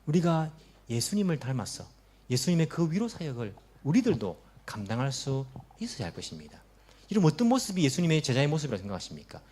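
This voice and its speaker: A man's voice: a little high, huge pitch swings, quick pace, darkish tone, slight background noise. Man preaching hard, asks the crowd lots of questions, voice goes up and down a lot. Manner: emphatic, impassioned preaching with rhetorical questions. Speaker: pastor. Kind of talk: sermon and prayer.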